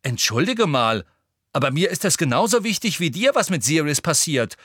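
A man's voice: a little high, sing-song, normal speed, a bit bright, slightly rough, no room sound, studio quality, pitched above the performer's own voice, heavily acted. A man voicing a determined teenage witch girl, insistent and heated, in an audiobook. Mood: defiant.

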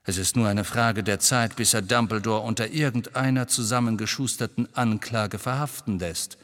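A man reading an audiobook, voicing a restless grown man in hiding who reassures briskly with a bitter edge. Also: on the low side, steady tone, a bit bright, long reverb tail, natural voice. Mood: tense, bitter.

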